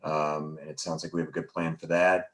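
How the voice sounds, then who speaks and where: A man with a very low voice speaks at a public planning meeting over a remote connection. He is friendly and rambling, filling gaps with uhs as he goes through his questions. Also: little pitch movement, brisk, fairly bright tone. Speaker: planning commissioner. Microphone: remote call connection.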